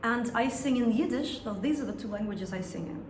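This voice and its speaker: A Russian-accented woman, a singer and songwriter, speaks in an interview with a fairly high pitch and a fairly quick pace. She is thoughtful, searching for words and often restarting. The echoey room carries some noise.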